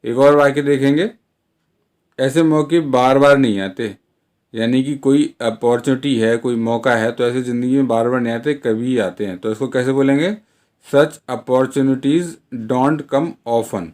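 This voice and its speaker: A man hosting an English lesson, explaining sentences in Hindi and repeating each English example slowly and deliberately, checking in often with short asides. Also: medium pitch, fairly even intonation, a little mellow. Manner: frequent "theek hai" check-ins. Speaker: English teacher.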